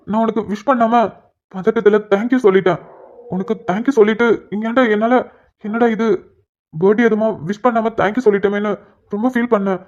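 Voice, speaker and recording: A shy, tender young husband from a cartoon story, voiced by a woman. He talks softly, apologizes earnestly, then teases his wife with gentle affection. The recording is dull and lo-fi, and the pitch sits in a middle range. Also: natural voice. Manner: soft, apologetic then playfully teasing. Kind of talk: cartoon dialogue voice acting.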